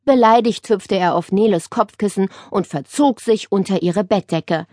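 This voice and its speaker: A woman narrating a children's audiobook with expressive storytelling. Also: mid-range voice, moderate pace, dry recording, studio quality.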